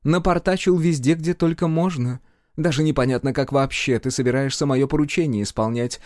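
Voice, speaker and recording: A man's voice: medium pitch, a little fast, darkish tone, no room sound, studio quality, voice pushed up, natural voice. A male audiobook reader voicing a haughty female goddess of dreams who speaks with contempt and sarcasm. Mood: scornful. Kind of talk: audiobook character voice.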